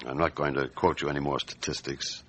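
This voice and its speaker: Radio drama lead: calm middle-aged police inspector, very low voice, methodical, deliberate, matter-of-fact delivery. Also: male voice. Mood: reflective, patient.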